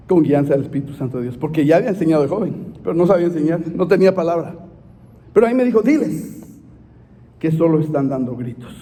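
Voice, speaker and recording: A middle-aged man preaching a fervent sermon at a night church service, calling out to his listeners as brothers and bursting into shouts. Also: a little high. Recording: long hall reverb.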